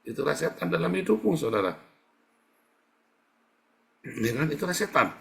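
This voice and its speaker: A man's voice: a little high, very animated, moderate pace, vocal fry. Man preaching in a chatty sermon. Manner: conversational, asks the congregation questions and answers them himself. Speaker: pastor.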